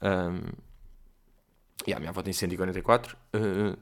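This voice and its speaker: A man's voice: low voice, fairly even intonation, fairly quick. A man with a European Portuguese accent, hosting a podcast and telling stories in a loose, chatty way full of slang fillers. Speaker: podcast host. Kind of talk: casual storytelling monologue.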